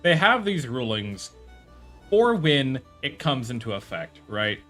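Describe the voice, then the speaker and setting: A man's voice: mid-range voice, big pitch swings, takes it slowly, sharp tone, faint music behind. A man streaming live, talking casually and rambling, with many fillers, restarts and some swearing.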